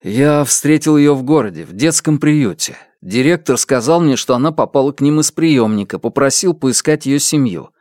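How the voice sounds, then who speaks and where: A narrator doing a determined photographer. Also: male voice, mid-range voice, lively intonation, moderate pace, few pauses, darkish tone, no echo, studio quality, voice pushed up, natural voice. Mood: explaining.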